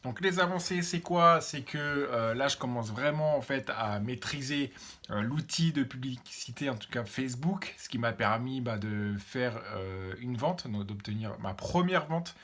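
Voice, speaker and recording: A man speaking as a vlogger, explaining things informally to one listener in a hesitant, halting way with repeated words. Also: medium pitch, lively intonation, a bit bright. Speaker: vlogger giving online business advice.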